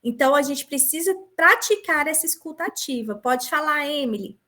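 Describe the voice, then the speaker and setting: A woman's voice: high-pitched, animated, moderate pace, sharp tone. A woman teaching a conversational class, earnest and personal, often checking in with "né?". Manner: earnest, with frequent rhetorical "né?". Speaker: teacher leading an online class.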